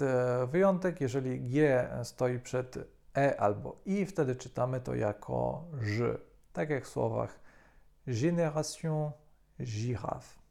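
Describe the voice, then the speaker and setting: A man calmly explaining French pronunciation as a language teacher, with frequent hesitation sounds. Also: medium pitch, creaky.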